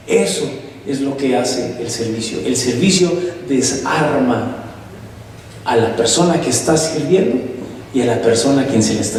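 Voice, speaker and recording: A man preaches a storytelling sermon. His voice sits high for a man and he speaks from some distance from the mic. The sound rings through a large, echoey church hall with faint noise behind it. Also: darkish tone. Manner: storytelling, with calls to the congregation. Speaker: pastor.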